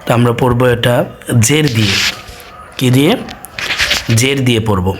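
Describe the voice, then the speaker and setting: A man teaching Quran reading, drilling each sound slowly and answering his own questions. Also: mid-range voice, background noise. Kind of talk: slow drilled recitation lesson.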